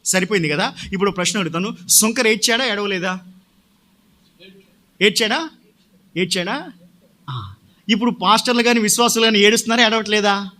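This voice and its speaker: A man's voice: sits high, fairly quick, pauses often, sharp tone. A male pastor preaching a sermon, often putting questions to the congregation and answering them himself.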